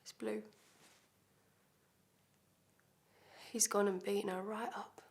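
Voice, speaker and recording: Actress as a defiant woman under questioning, blunt and sweary, mid-pitched, self-tape. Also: little pitch movement, fairly quick, darkish tone, slight background noise, close to an everyday voice. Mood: bitter. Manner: blunt, swearing, hesitant fillers. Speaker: actor.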